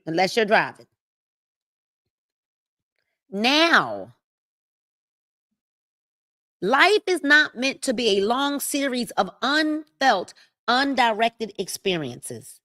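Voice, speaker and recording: High-voiced woman in her fifties preaching. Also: pushed and bright, no echo, studio quality. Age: 50s. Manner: preachy, drawn-out reading with asides to viewers. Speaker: book club host. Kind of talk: live-stream book reading and motivational talk.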